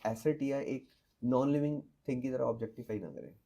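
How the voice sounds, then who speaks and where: A man's voice: mid-range voice, brisk, vocal fry, mellow, lo-fi sound. A man, a teacher giving earnest advice as a podcast guest and mixing English phrases into his Hindi.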